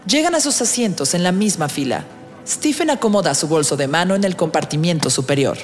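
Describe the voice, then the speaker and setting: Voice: medium pitch, animated, brisk. A narrator reading scripted, present-tense audio drama narration. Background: loud music, vehicle and outdoor sound effects.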